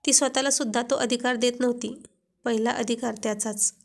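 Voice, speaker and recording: A woman's voice: a little high, fairly even intonation, a little fast, gravelly. Woman reading a love story evenly. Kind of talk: storybook narration.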